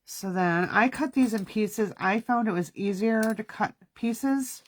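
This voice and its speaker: Unhurried and mid-range in pitch, a craft host chats her way through a casual card-making demonstration, talking to herself as she works. A stuffy nose colors her speech.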